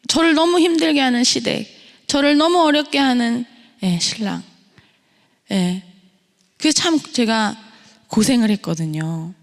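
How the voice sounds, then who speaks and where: A middle-aged woman with a fairly high voice preaches a testimony sermon. She tells her story to the congregation and poses rhetorical questions along the way. Her voice rings out with the long reverb of a church sanctuary.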